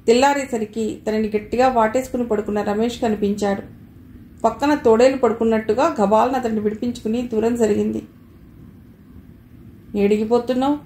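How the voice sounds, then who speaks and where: A woman narrating a novel for an audiobook in steady, measured storytelling. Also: a little high. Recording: roomy with faint hiss.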